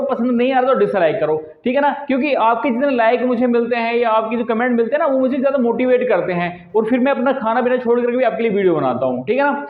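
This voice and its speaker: A man teaching a lesson to camera in a patient manner, often tagging his sentences with a checking "right?". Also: extremely high pitch. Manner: patient, repeats "ठीक है ना" as a filler tag. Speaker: English teacher. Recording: echoey room, tinny phone-like sound.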